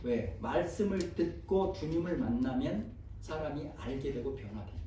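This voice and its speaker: A man's voice: a little high, animated, normal speed, dark tone, slight background noise. A man pastor preaching a sermon, firm and emphatic, putting rhetorical questions to the congregation. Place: church sanctuary. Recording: very echoey hall, voice far from the mic.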